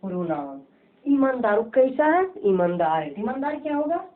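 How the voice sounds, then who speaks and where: This home-tuition grammar lesson features a woman with a fairly high, very animated voice at normal speed, who keeps drilling by asking questions and answering them herself. It's recorded in tinny, phone-like lo-fi sound.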